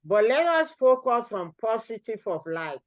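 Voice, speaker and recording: A woman's voice: fairly high pitch, big pitch swings, moderate pace, crowd noise. A woman from Africa appearing as a guest on a talk show, breaking in with short, agreeable remarks.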